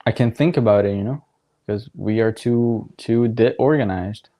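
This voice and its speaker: A young man hosting a soccer watchalong on his livestream speaks at a moderate pace in a fairly low-pitched voice. It's casual live commentary: relaxed, meandering, filler-heavy and dotted with laughs.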